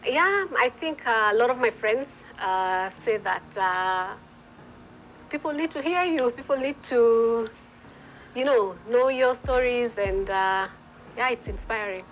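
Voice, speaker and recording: A woman's voice: a little high, expressive, fairly bright tone, a little hiss or hum, rough recording. A Kenyan woman with a Kenyan accent, an entrepreneur answering interview questions in an earnest, reflective way. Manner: earnest, reflective, pauses with fillers.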